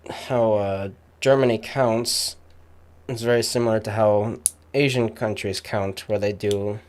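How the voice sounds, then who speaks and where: Young man, low voice, casual rambling chat, lots of fillers. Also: steady tone, darkish tone. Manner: rambling, many fillers and pauses. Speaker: streamer.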